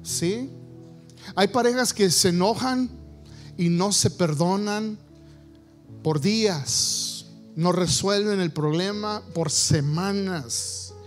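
A man's voice: sits high, slow pace, faint music behind. A male pastor preaching a sermon on marriage, playfully acting out quoted husbands and wives. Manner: playful, acts out quoted spouses.

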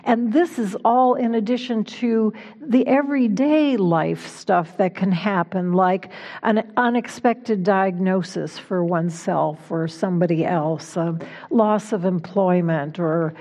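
A woman minister delivering a conversational sermon in a reflective, informal way, gently guiding her listeners. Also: on the low side, slow. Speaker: minister giving a talk. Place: church sanctuary.

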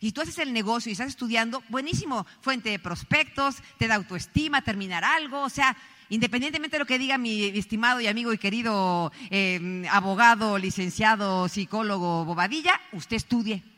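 A woman's voice: a little high, a little fast, sharp tone. A middle-aged woman from Colombia giving an emphatic motivational talk, telling stories and speaking straight to the audience. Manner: emphatic, storytelling, addresses the audience directly. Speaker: motivational speaker at a business event. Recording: echoey hall reverb.

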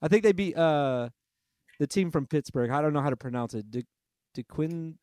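A man talks through his basketball rankings in a loose, chatty podcast way, laughing at himself as he goes. His voice sits a bit high for a man. The recording is dry and close, with no room sound. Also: animated, darkish tone, no echo. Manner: chatty, self-deprecating, quick to change his mind. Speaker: podcast host. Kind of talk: casual sports podcast chat.

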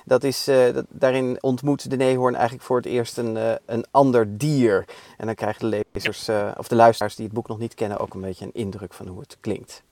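A man's voice: medium pitch, level tone, brisk, darkish tone, dry recording. A man interviewing a guest, hesitant and full of fillers as he sets up a reading. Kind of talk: casual interview.

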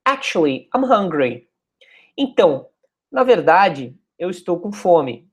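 A woman's voice: on the low side, sing-song, husky. Chatty Brazilian woman teaching English. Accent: Brazilian Portuguese. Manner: chatty explaining, spells out English words slowly. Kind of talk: casual video lesson.

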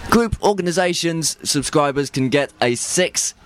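A man's voice: a little high, animated, normal speed, smooth. Giggly young male radio host. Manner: giggly, easily amused. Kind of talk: casual live radio banter. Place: outdoor broadcast caravan at a market.

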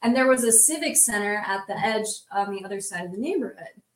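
Woman guest, mid-pitched, vivid breathless storyteller, recorded off the mic. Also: expressive, brisk, recorded from a distance. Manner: vivid, breathless retelling with many "like" fillers. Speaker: roundtable guest. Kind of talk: casual storytelling. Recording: roomy sound from off the mic.

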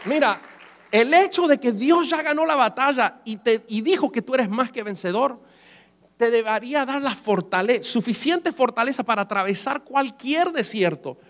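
A man with a high voice preaches to his congregation, calling on them to repeat lines and raise their hands. He slips English phrases into his sermon. The sound rings with the long reverb of a church hall. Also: lively intonation, normal speed, fairly bright tone, a faint crowd. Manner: preaching with call-and-response to the congregation; switches between Spanish and English phrases. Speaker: pastor. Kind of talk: bilingual sermon.

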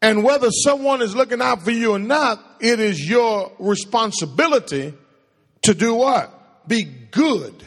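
A husky male voice, self-described as baritone, belongs to a pastor preaching slowly and animatedly. His call-and-response sermon has him questioning the congregation and answering for them, heard in a church sanctuary with a long hall reverb.

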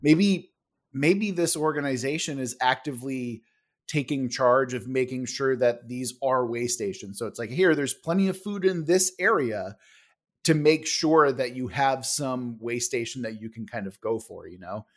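A man brainstorming ideas in casual chat, excitable and rambling, swearing now and then. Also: medium pitch, moderate pace. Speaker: worldbuilding collaborator.

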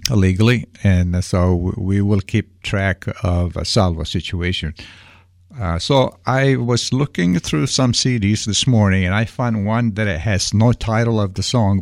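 A man hosting a radio program, reading announcements and chatting unscripted in a halting, hesitant way, often searching for words. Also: low voice, creaky, no room sound, clean studio sound.

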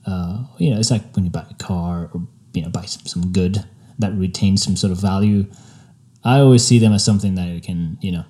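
Brief: laid-back photographer guest, young man with a French accent, low mellow voice. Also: fairly quick. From Spain. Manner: relaxed, laid-back and reflective, with frequent fillers. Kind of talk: casual interview.

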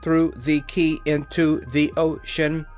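A reader voicing a hoarse, creaky clockwork copper man who talks in one flat tone, with slow, even, mechanical delivery. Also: medium pitch, soft background music, close to an everyday voice. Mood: monotone.

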